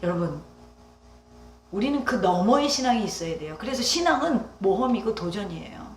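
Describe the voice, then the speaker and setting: A woman's voice: mid-range voice, big pitch swings, normal speed, slight background noise. A woman pastor preaching a Sunday sermon, emphatic, with rising exclamations and rhetorical questions to the congregation. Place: church sanctuary. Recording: echoey church hall.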